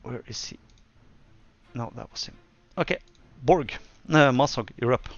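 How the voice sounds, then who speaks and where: A man narrating as game master of a tabletop game, relaxed and chatty, laughing often. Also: medium pitch, unhurried, no room sound, lo-fi sound.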